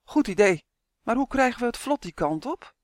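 Cheerful little winged elf, carefree and teasing, put on by an audiobook narrator; mid-pitched, dry. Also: lively intonation, no room sound, natural voice. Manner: bright, carefree, quick to tease. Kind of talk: audiobook character voice.

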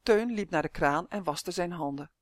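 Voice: medium pitch, moderate pace, no echo, studio quality. A storyteller reading a children's book aloud, lifting the voice for the characters' dialogue. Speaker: narrator.

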